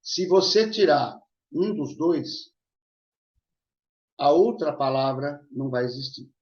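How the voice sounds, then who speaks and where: A male Portuguese teacher with a fairly high, animated voice explains grammar slowly during an online lesson, checking in with his students often. The recording has a dull, lo-fi quality and echoes around the room.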